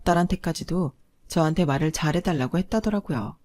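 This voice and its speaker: A woman's voice: sits low, brisk, darkish tone. A woman narrating a first-person story, blunt and firm in her retorts.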